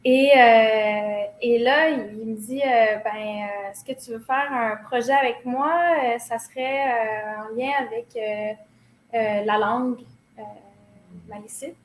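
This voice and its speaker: In a roomy recording with faint background noise, a Québécois woman in her thirties, a choreographer from Quebec, answers as an interview guest. Her high-side voice is fairly even and slow, and she reflects hesitantly, restarting often and using many fillers.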